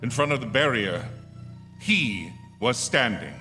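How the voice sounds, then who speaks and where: Performing first-person radio drama on a theatre stage, a man with a mid-range, expressive, sharp-toned voice plays an uneasy motorist haunted by a recurring hitchhiker. Haunted and tense, he speaks nervously and sometimes haltingly, stammering under strain. Soft music sits under the long reverb of the echoey hall.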